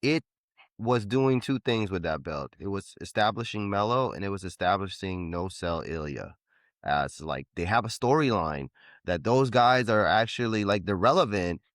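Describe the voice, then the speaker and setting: A man's voice: fairly low pitch, expressive, moderate pace, a bit bright, dry recording, clean studio sound. A man co-hosting a wrestling podcast, rambling in casual chat with many restarts. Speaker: podcast co-host.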